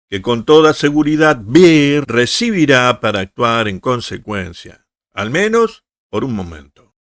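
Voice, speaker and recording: A man reads an essay aloud, unhurried and deliberate. His voice carries a gravelly fry, and the sound is close and dry. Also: medium pitch, a bit bright, no room sound. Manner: measured, deliberate reading. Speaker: podcast host reading an essay.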